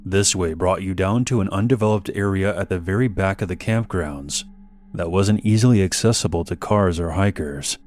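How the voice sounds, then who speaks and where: A man narrating a horror story in a measured, steady storytelling manner. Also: low-pitched.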